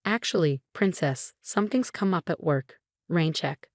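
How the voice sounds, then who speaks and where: A woman voicing a smooth, self-absorbed middle-aged father who talks breezily. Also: lowish voice, lively intonation, unhurried, dry recording, studio quality. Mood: glib.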